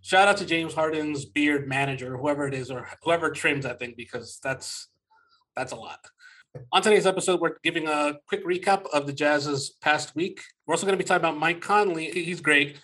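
A man's voice: a little high, bright, forceful tone. A man hosting and moderating a sports podcast in a conversational style.

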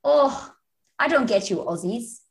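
A woman's voice: a little high, expressive, measured pace, gravelly, voice pushed up. Woman doing a blunt, cheerful little porter man. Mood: amused. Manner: broken-English, teasing. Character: cheerful small male trek porter, blunt.

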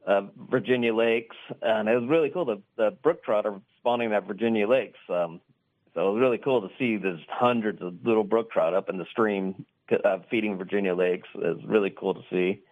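A man with a lowish voice talks casually over a phone line, as a guest on a radio show. He tells his stories in an easy conversational way. The sound is tinny and narrow. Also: fairly quick. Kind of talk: casual chat, storytelling. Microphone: phone call.

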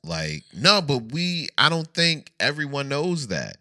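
A man's voice: mid-range voice, sing-song, a little slow, pushed and bright, no room sound, clean studio sound. A man co-hosting a podcast in casual chat, laid-back and often laughing. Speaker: podcast co-host.

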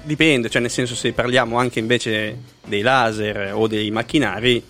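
A man's voice: mid-range voice, steady tone, normal speed, a bit bright, soft background music. A man answering interview questions as an expert guest in a methodical, explanatory way. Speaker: guest aesthetic medicine practitioner.

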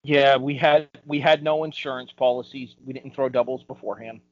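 On a dull, dry, lo-fi recording, a podcast co-host in his thirties argues emphatically and opinionatedly in a casual panel debate about game shows. His medium-pitched voice is brisk with a steady tone.

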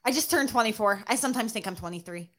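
A young woman in her twenties chats as a podcast guest. She laughs easily and chimes in with quick agreement, and her voice sits fairly high. Her talk is casual and relaxed. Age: 20s. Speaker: podcast guest, personal trainer.

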